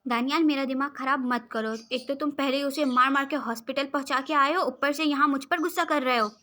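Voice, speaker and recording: A woman's voice: sits high, fairly even intonation, fairly quick, sharp tone. A woman voicing a fiery, blunt young woman who scolds and demands answers, in a storybook role reading. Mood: scolding.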